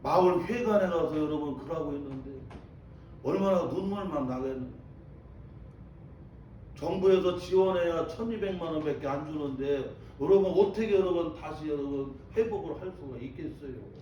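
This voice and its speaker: A man's voice: a little high, normal speed, warm tone, slight background noise. A male pastor preaching a sermon. He keeps calling out to the congregation and repeats his phrases for emphasis. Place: church sanctuary. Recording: echoey church from a distant mic.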